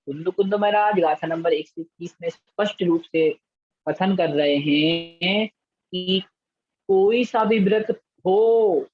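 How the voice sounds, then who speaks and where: A man's voice: high voice, a little hiss or hum. A man teaching a scripture class, chanting verses syllable by syllable and explaining each word. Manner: slow drawn-out syllable-by-syllable recitation, then brisk explanation. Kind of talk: recitation lesson with call-and-repeat chanting. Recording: muffled lo-fi dry audio.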